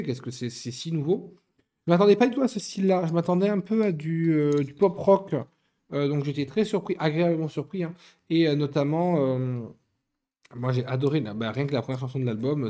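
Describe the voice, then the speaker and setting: A man's voice: fairly high pitch, dark tone. Chatty man rambling over a Lego build. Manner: rambling, self-correcting, chatty. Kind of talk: casual chat while building.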